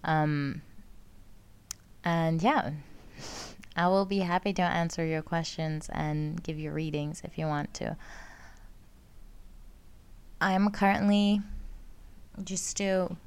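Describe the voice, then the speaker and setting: Outdoors with sirens around, a young Greek woman hosts a casual solo podcast, rambling, correcting herself and laughing often. She's an astrology student, and her smooth, lowish voice stays fairly even, moving slowly with frequent pauses.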